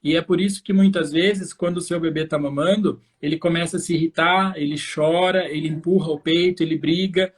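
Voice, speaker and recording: Hosting a live educational talk, a Brazilian-accented infant osteopath speaks fluently and directly to parents from a practitioner's perspective. His slightly high voice carries a breathy edge and fairly even intonation, moving fairly quickly with few pauses.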